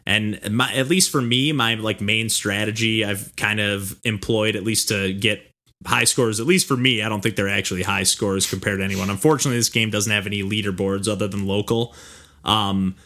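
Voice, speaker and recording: A man's voice: on the low side, fairly even intonation, moderate pace, pushed and bright. A man hosting a casual podcast, talking in a rambling way full of "like" and "you know". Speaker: podcast host. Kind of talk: casual chat about video games.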